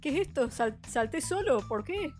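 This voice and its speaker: Young woman, Argentine accent, high-pitched, frantic let's play chatter, faint music behind. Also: expressive, moderate pace, a little mellow. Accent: Argentine Spanish. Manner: frantic, swearing, pleading with the game. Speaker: gaming youtuber.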